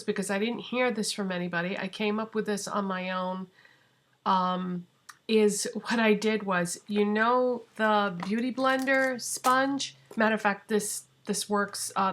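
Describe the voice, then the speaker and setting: A woman in a casual beauty vlog explains her routine in an everyday, mid-pitched voice. She rambles a little, with fillers and side remarks, and sounds friendly and unhurried. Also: fairly bright tone. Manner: chatty, rambling with fillers and asides. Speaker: beauty vlogger. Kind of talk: casual tutorial talk.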